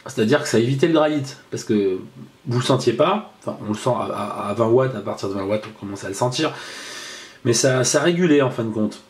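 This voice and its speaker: A man giving a casual hands-on product review, chatty and halting with frequent fillers and restarts. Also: mid-range voice.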